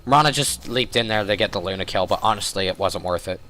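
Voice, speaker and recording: A young man with a voice hoarse from a cold, excitedly commentating a video game and often correcting himself as he rambles. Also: lowish voice, fast talker, a little hiss or hum. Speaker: game caster.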